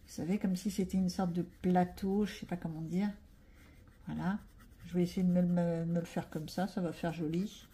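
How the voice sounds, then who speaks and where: A woman's voice: lowish voice, steady tone, moderate pace, dark tone. A woman with a French accent chatting casually as she colors, thinking aloud and poking fun at herself while explaining each step. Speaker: coloring vlogger. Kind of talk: casual narrated tutorial.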